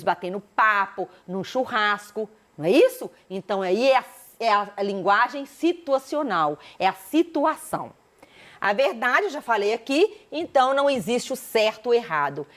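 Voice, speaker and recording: A Brazilian woman teacher giving a recorded school lesson, animated and asking the students many rhetorical questions. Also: mid-range voice.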